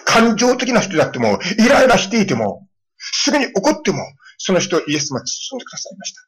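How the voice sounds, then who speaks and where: A middle-aged male pastor preaching a sermon, telling stories and acting out children's lines in a lively way. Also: high voice, quick pace, breathy edge, rough recording. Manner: storytelling with lively voiced quotes of children.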